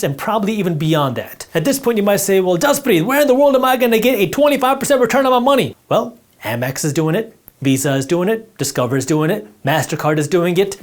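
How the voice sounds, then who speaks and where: Drawing on a board as he addresses the viewer head-on, a Punjabi-first-language man explains personal finance in a forceful, straightforward style. His high voice has a slightly mellow quality.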